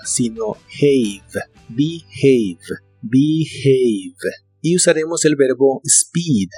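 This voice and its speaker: Male teacher, scripted lesson narration, mid-pitched, careful repetitions, soft music underneath. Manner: slow, carefully enunciated word repetitions. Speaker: English teacher.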